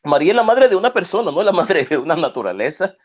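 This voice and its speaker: A man delivers a heated debate rebuttal, emphatic and scornful, hammering the same points again and again. His voice sits a little high and swings widely in pitch. The audio is dull and lo-fi. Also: very animated, quick pace.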